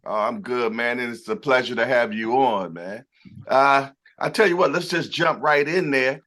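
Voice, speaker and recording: A man's voice: medium pitch, normal speed, a bit bright. A man hosting a boxing channel, interviewing a guest over a video call with upbeat, brief affirmations.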